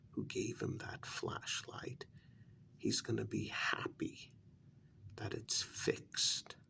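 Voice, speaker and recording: Speaking softly for an ASMR role-play, this man uses a breathy, creaky half-whisper on the low side, pausing deliberately between short phrases.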